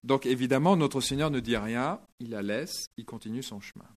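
A male preacher giving a sermon, retelling a scripture story in a lively, dramatic way. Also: medium pitch, moderate pace.

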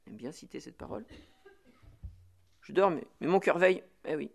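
A man, a priest, giving spiritual instruction on the prayer office. He talks in a lively, chatty way and reads Latin phrases slowly before explaining them. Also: on the high side, gravelly, husky. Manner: lively, chatty teaching peppered with "voilà" and "vous voyez".

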